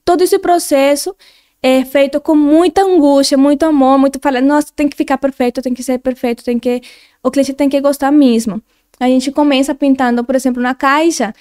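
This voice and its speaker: A warm, high-sitting voice with a steady tone and normal speed belongs to a Colombian guest with a Spanish accent. Earnest in casual interview conversation, she often restarts what she's saying.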